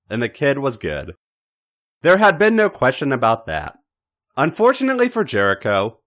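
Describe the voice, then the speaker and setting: With a fairly low pitch, this podcast host narrates fan fiction in a theatrical, expressive manner. He stresses words dramatically and lets deliberate pauses hang.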